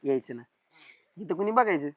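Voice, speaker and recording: An actor playing a husband in a village drama, with quick teasing banter. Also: male voice, fairly high pitch, lively intonation, no echo, natural voice. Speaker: husband working away. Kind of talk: Marathi village drama acting.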